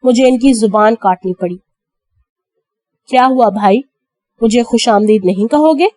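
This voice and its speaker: A woman's voice: a little high, dark tone, no room sound, lightly acted. A woman voicing a mocking male villain who taunts his brother. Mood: gloating. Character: gloating menacing male villain.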